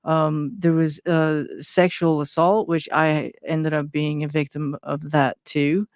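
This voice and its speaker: Smooth-voiced hesitant woman from Iran. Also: sits low, little pitch movement, slow pace, darkish tone, no echo. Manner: hesitant, many fillers and restarts. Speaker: guest, intuitive consultant. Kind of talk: personal interview talk.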